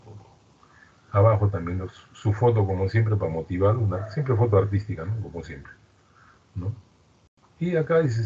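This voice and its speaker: A man's voice: fairly low pitch, a little mellow, slightly rough, muffled recording. A man with a Peruvian Spanish accent giving an online lecture, chatty and explanatory, often checking in with students. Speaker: university lecturer.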